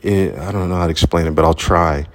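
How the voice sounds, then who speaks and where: A man's voice: low voice, fairly even intonation, fast talker. A man casually telling a story outdoors, rambling and candid, swearing freely. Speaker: vlogger. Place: outdoors at sunrise.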